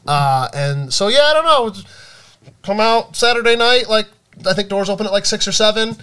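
A man co-hosting a casual podcast, telling stories in a rambling, animated way with lots of fillers. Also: high voice, moderate pace, smooth. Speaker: podcast co-host. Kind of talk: casual chat.

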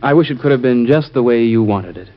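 A man's voice: medium pitch, animated, fast, lightly acted. A man playing a president's respectful, affectionate grown son in 1940s-style radio acting. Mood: warm, earnest. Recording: dull old radio drama recording.

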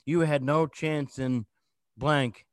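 A man's voice: on the high side, fairly even intonation, takes it slowly, no echo. Dry-sounding man, rambling storyteller. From Gander, Newfoundland, Canada. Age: 30s. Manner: rambling, anecdotal, repeats phrases for emphasis. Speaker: host interviewing a hockey guest. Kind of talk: casual chat.

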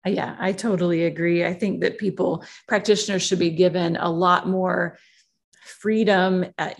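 A woman interviewed as a yoga author, explaining in a measured, teacherly way. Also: on the low side, vocal fry. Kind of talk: podcast interview.

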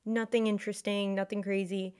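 A woman's voice: medium pitch, little pitch movement, brisk, a little mellow, clean tone. A woman co-hosting a film podcast, chatting casually and animatedly, with many fillers. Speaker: podcast co-host. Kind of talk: casual chat.

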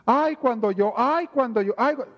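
A plaintive middle-aged man sighs over the good old days, pitched well above the speaker's own voice, as a preacher puts him on. His whining rings through a long church reverb. The sound is dull and lo-fi. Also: normal speed, fairly bright tone. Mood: wistful. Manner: plaintive, whiny sighing. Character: nostalgic, sighing middle-aged man pining for the past.

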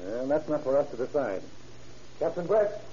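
A man's voice: medium pitch, expressive, normal speed, warm tone, close to an everyday voice. An actor playing a businesslike American police chief in an old radio crime drama, authoritative and methodical in his questioning. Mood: firm, official. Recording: muffled, noisy old radio recording.

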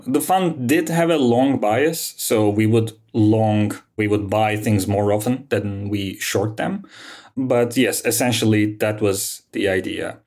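Low-voiced man from Turkey explaining. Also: a little mellow. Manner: measured, explanatory, frequent fillers. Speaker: guest, fund manager. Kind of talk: podcast interview answers.

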